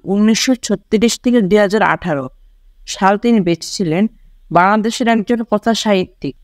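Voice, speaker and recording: A tutor from Bangladesh reading a school textbook lesson aloud, often starting sentences with "so" and slowly repeating each word to show how it is pronounced. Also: mid-range voice, no room sound, clean studio sound. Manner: starts sentences with English "so", spells out pronunciations slowly and repeats words. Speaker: online tutor for school students.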